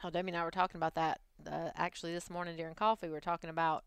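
A woman's voice: on the low side, level tone, racing, clean tone, dry recording. A woman in her forties chatting casually, laughing often and saying "like" a lot. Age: 40s. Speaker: employee. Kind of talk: casual chat.

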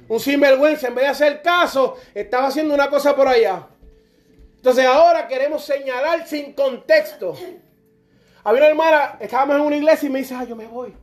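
A middle-aged man preaching a sermon, fervent and direct, now and then acting out churchgoers in dialogue. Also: extremely high pitch. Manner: impassioned, acts out church members in dialogue.

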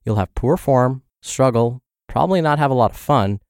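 Reading health and fitness blog posts on his podcast, a man with the flu sounds congested and scratchy. His mid-range, slightly mellow voice has lively intonation at a moderate pace, recorded cleanly in the studio with no room sound.

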